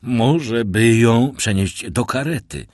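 A man's voice: medium pitch, slow, darkish tone, dry recording, clean studio sound, pitched above the performer's own voice. A man voicing an uneasy middle-aged prosecutor who speaks stiffly.

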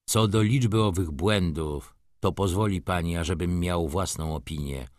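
A man's voice: deep voice, moderate pace, no room sound, studio quality, close to an everyday voice. A man voicing a cold, brooding merchant. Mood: cold bitter. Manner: restrained, cool, bitter. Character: brooding middle-aged merchant, cold and bitter. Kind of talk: audiobook character reading.

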